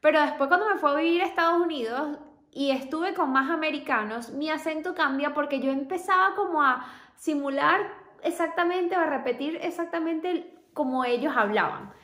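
Young woman, high voice, chatty vlogger, talks to the viewer, echoey room. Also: normal speed, a bit bright. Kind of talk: casual advice vlog.

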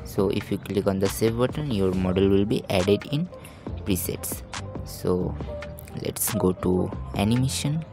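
A man giving a software tutorial voiceover, talking slowly, calmly and quietly in a halting way, close to the microphone. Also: lowish voice, gravelly, music in the background. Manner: slow, calm, hushed talk; halting, thinking aloud while demonstrating. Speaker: tutorial host. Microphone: microphone held close to the mouth.

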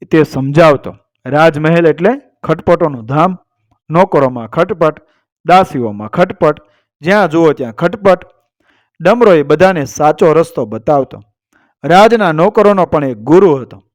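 A male storyteller narrates an old folk tale at a steady pace. His voice sits slightly high. The recording is close and dry, with no room sound. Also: no room sound.

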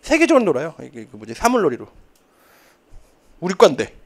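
A man's voice: a little high, wildly swooping pitch, a little fast, a little hiss or hum. A man in his thirties teaching a TOEIC class in a classroom, joking and chatty with rambling asides. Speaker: TOEIC instructor. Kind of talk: lively classroom lecture. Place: lecture classroom.

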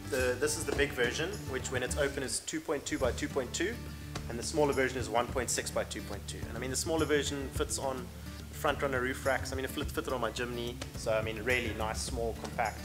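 A young South African man presents products in a relaxed, conversational style. He has a medium-pitched voice, and music plays clearly behind him. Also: a little fast. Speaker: shop staff presenting products. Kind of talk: casual product explanation. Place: warehouse indoors, off-camera mic.

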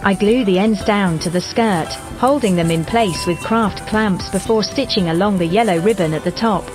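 Female text-to-speech robot voice narrating. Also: medium pitch. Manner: even, measured synthetic delivery. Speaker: doll customizer narrating her craft. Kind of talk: step-by-step craft narration. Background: background music.

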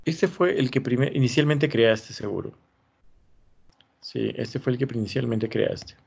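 Gravelly man teaching online. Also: medium pitch, measured pace, a little mellow. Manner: encouraging, thinking aloud. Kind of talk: online class, reviewing student work. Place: online video class. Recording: dull lo-fi sound.

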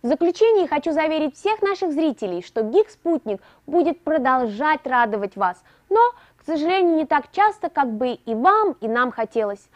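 A young woman from Russia in her early twenties hosts a tech show, reading a scripted gadget review. Her voice sits high and swings widely in pitch. She leans into her points with bright rising emphasis. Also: moderate pace, dull audio. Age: early 20s. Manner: lively, expressive delivery with rising emphasis.

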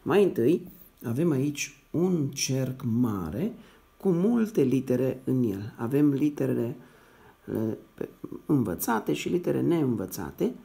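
Guy teaching little kids to read, lively up and down voice, sounds out syllables and keeps asking "da?", patient. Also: medium pitch, vocal fry. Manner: repeats syllables slowly and checks in with "da?"; patient, encouraging tone. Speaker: primary school teacher. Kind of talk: reading lesson for young children.

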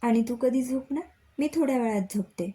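A woman voicing a fussing middle-aged mother who gently scolds and teases her children in a story reading. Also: fairly high pitch, fairly quick, voice pushed up, natural voice. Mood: tender.

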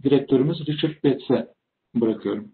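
An older man gives an explanatory webinar presentation over a video call, formal and deliberate, with hesitant pauses. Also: medium pitch. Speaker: tax expert presenting at a webinar. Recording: thin, phone-like webinar audio.

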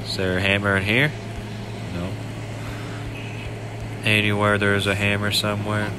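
Slow-paced man muttering through a video game. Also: on the low side, monotone, noisy background. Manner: muttering questions to himself, repeating phrases. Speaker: gamer narrating gameplay. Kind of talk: casual gameplay commentary.

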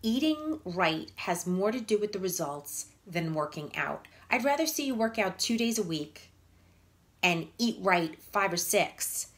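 A woman's voice: medium pitch, big pitch swings, measured pace. A woman in her fifties, a fitness and nutrition coach, giving blunt, emphatic motivational talk to viewers on a live stream. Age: 50s. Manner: blunt, emphatic, repeats points for punch.

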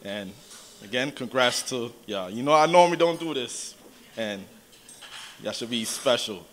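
A man's voice: medium pitch, animated, measured pace, a little hiss or hum. Man giving a loose wedding toast. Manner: loose, talky, lots of "you know". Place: wedding reception hall.

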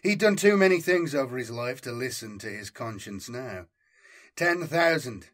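In a medium-pitched voice, a man narrates a scripted audiobook story with a measured, solemn, dramatic delivery.

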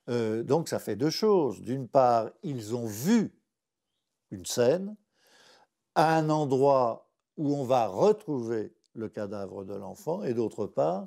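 Insistent male writer in interview, gravelly and dark, hammers points home. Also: medium pitch. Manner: insistent, repeats points for emphasis. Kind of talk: documentary interview.

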